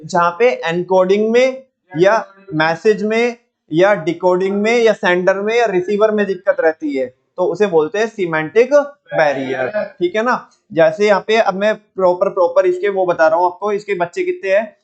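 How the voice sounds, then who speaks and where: A man's voice: high-pitched, moderate pace, dull audio. A young man teaching a live class, quizzing his students and drilling them in call-and-response.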